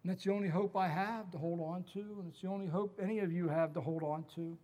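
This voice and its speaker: A middle-aged male pastor delivering a sermon in an earnest, emphatic way. His voice sits somewhat high for a man, and he drives points home by repeating them. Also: fairly even intonation, fast, warm tone, long reverb tail. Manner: earnest preaching with emphatic repetition.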